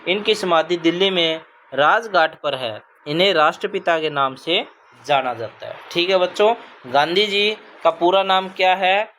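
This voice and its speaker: A man's voice: sits high, a little slow, pushed and bright, slight background noise. A man teaching a primary school language lesson to children, patient and repetitive, checking in with the class often. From Punjab. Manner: patient, repeats "ठीक है बच्चों" often.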